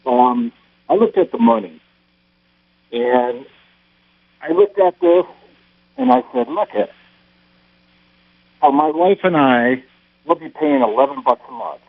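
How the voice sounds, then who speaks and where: A man's voice: medium pitch, expressive, measured pace, long pauses, no echo. Hollow, tinny man calling a radio show. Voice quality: hollow tinny sound, as if inside a metal tank. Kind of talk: casual phone-in opinion. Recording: hollow, tinny phone line with hum.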